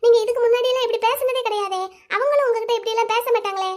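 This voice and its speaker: Young wife in a cartoon story, gentle, coaxing, rapid delivery; a woman voices her. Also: very high-pitched, fairly even intonation. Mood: pleading. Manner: coaxing, questioning.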